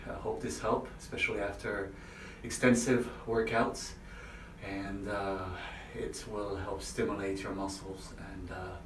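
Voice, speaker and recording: Casting: male vlogger, lowish voice, halting casual how-to delivery, recorded in an echoey bathroom away from the mic. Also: flat delivery. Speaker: vlogger demonstrating an ice bath. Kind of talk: casual instructional vlog, unscripted. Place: indoors in a bathroom by or in a bathtub. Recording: echoey bathroom, distant mic, faint noise.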